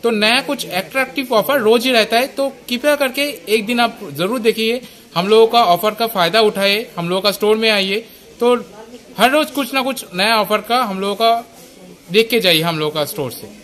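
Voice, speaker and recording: Inside a large shop, a store manager in his thirties pitches the day's offers during an on-camera interview, speaking into a handheld reporter mic. He comes across eager and rambling, at a normal speed with a slightly bright tone.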